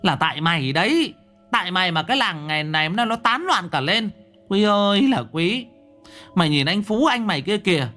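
Shrill scolding village mother, voiced by a male storyteller, high and quick. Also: lively intonation, bright, forceful tone, soft background music.

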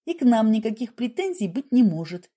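Brief: woman playing a brusque, scolding nurse, husky and plainspoken, audiobook reading. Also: fairly low pitch, unhurried, warm tone. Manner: brusque, lecturing. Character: blunt, scolding middle-aged nurse.

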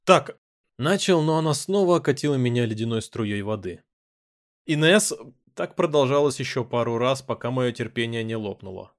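A man reading a first-person audiobook and voicing its dialogue with expressive, playful delivery. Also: mid-range voice, fairly quick, few pauses. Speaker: audiobook narrator.

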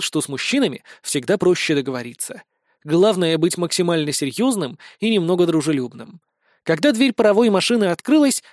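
Male audiobook narrator, lively, does the voices; high voice, dry recording. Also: no echo. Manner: expressive, voices characters. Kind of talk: narration of a humorous fantasy novel.

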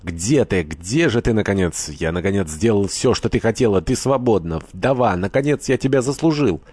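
A man's voice: lowish voice, expressive, moderate pace, darkish tone, breathy edge, dry recording. Man reading as a feverish, breathless killer. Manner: whispered, gasping, feverish. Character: frantic, breathless murderous man stumbling in the dark.

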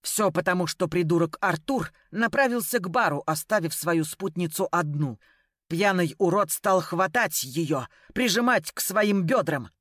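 A woman's voice: lowish voice, lively intonation, measured pace, dry recording, clean studio sound. Woman reading a dramatic audiobook. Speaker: audiobook narrator. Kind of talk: expressive audiobook narration.

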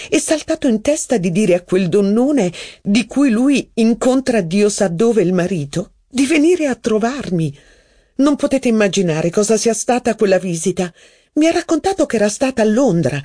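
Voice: medium pitch, warm tone, no room sound, studio quality, pitched above the performer's own voice, lightly acted. An audiobook reader voicing a haughty, witty aristocratic duchess, with mocking, theatrical, exclamatory speech. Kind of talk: audiobook reading.

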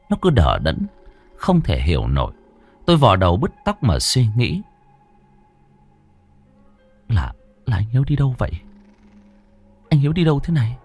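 A man's voice: mid-range voice, breathy edge. A man narrating a ghost story in a dramatic, suspenseful way.

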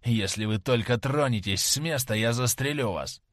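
A man reading a vengeful young sailor in an audiobook, speaking slowly and heavily. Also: medium pitch, fairly bright tone, no room sound, clean studio sound, natural voice. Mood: menacing. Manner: slow, heavy and menacing. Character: vengeful rough young sailor, grim and threatening.

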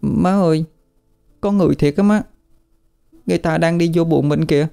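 A man's voice: on the high side, normal speed, gravelly, dark tone, clear, resonant tone, soft background music, pitched above the performer's own voice. A man voicing a terrified, clingy little girl in a ghost story, trembling and crying out. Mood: frightened whisper. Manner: trembling, whimpering cries.

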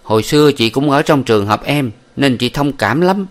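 A man voicing a shrewd, smooth-talking brothel madam in an audiobook, coaxing and sweet. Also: medium pitch, lively intonation, normal speed, pitched above the performer's own voice, close to an everyday voice. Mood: sly. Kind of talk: audiobook character voice.

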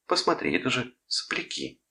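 A man's voice: normal speed, pushed and bright, close to an everyday voice. A man voicing an impatient young woman who speaks insistently.

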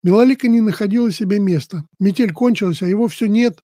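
A man narrating a storybook tale in a measured, steady reading. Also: high voice, no echo, clean studio sound.

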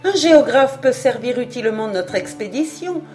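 A woman voicing an eager, absent-minded male French geographer who talks in lively, emphatic exclamations in an audiobook. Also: a little high, normal speed, faint music behind, pitched above the performer's own voice, close to an everyday voice. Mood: excited.

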